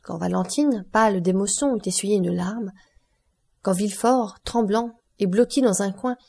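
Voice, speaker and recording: A woman narrates a classic novel with a measured, expressive delivery. Her voice sits at a middling pitch with a warm, mellow tone. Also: creaky, slightly rough. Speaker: audiobook narrator.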